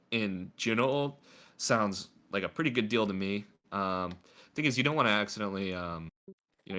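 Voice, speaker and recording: Reviewing a player's game replay casually, a man coaches in a chatty way full of fillers. His voice sits on the low side with a sharp tone, and his nose sounds a little stuffy.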